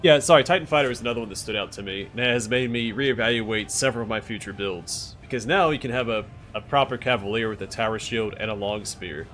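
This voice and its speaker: A man's voice: on the low side, fast, few pauses, a bit bright, faint music behind. A man giving casual gameplay commentary as a streamer, chatting with his viewers. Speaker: game streamer.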